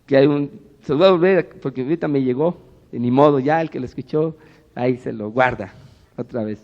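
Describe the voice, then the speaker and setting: A male pastor with a Mexican Spanish accent, preaching and telling a personal story, swinging from loud to hushed. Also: mid-range voice, fairly quick, lo-fi sound. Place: church. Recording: church hall with long reverb.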